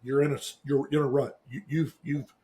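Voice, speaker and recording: A man's voice: medium pitch, flat delivery, fairly quick, warm tone. A middle-aged man co-hosting a casual talk show, earnestly giving life advice, often restarting his sentences. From Eastern Shore, US. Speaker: podcast co-host. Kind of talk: casual chat.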